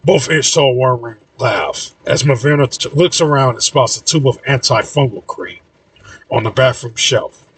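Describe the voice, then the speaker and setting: Husky man reading an audiobook. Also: mid-range voice, normal speed, fairly bright tone, no echo. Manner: casual, slightly stumbling reading. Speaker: audiobook narrator, author. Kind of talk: audiobook narration. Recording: voice a bit far from mic.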